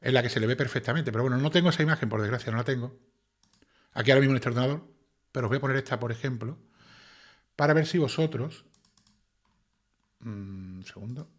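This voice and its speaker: A man at a home desk reads a legal text aloud at a rapid clip and keeps cutting in with his own commentary. His pitch sits in the middle, and he turns sarcastic and indignant, firing off rhetorical questions. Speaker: YouTube commentator.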